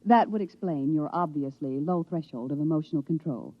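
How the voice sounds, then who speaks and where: A woman with a low voice speaks a little quickly, playing a cold, controlled female professor in a 1950s radio drama. Her diction is clipped, clinical and formal, and her mood is cool and clinical. The recording sounds like a muffled old radio broadcast.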